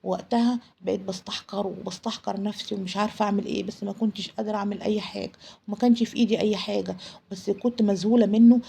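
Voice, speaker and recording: A woman's voice: mid-range voice, steady tone, very fast, gravelly, mellow, slight background noise. A young Egyptian woman telling a dramatic first-person story in an emotional, confessional way. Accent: Egyptian Arabic. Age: young adult.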